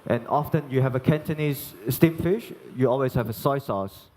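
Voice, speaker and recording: A young man from Hong Kong, working as a chef, giving a live cooking demonstration and explaining each step in a halting way with many restarts. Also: mid-range voice, a little mellow, a little hiss or hum. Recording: long reverb in a large hall.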